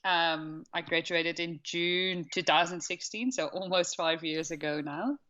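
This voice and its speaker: A woman's voice: fairly low pitch, a little slow, a bit bright, muffled recording. A woman in her thirties from the Netherlands with a Dutch accent, answering interview questions in a plain, matter-of-fact way. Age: 30s. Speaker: wildlife veterinarian, guest.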